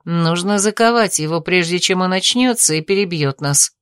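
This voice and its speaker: A woman's voice: on the low side, moderate pace, fairly bright tone, smooth, dry recording, natural voice. A woman voicing a suspicious, demanding young female mage who questions everyone in an audiobook. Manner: indignant, demanding.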